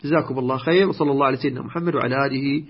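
Male recitation teacher, patient lesson tone, lightly raspy, slightly muffled audio. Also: medium pitch, steady tone. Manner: slow, deliberate, repeats key words. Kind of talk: explanatory lesson on recitation variants. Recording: dull lo-fi recording.

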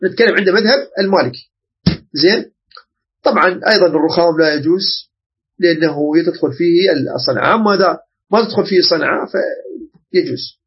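A man from Iraq with an Iraqi Arabic accent, teaching a religious jurisprudence lesson and often pausing to check that listeners follow. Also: on the high side, breathy edge, highs cut off. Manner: explanatory, checks understanding often.

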